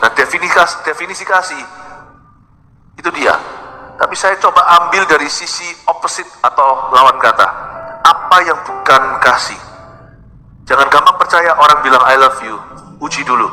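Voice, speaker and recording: A man preaching a sermon, mixing English phrases into his talk and swinging between emphatic bursts and quiet drops. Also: on the high side, moderate pace, long pauses. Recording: long hall reverb with soft music behind.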